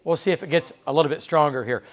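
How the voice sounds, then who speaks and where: The radar gets a loose, conversational explanation from a male TV meteorologist during live tornado coverage in the weather studio. His pitch runs a bit above most men's, and he drops in fillers and short "okay?" checks.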